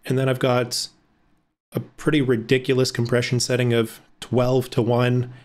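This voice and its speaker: A man's voice: medium pitch, monotone, moderate pace. A man in his thirties giving a casual screen-recorded video editing tutorial from a home room. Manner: explanatory, casual, with fillers. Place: home room with blackout curtains.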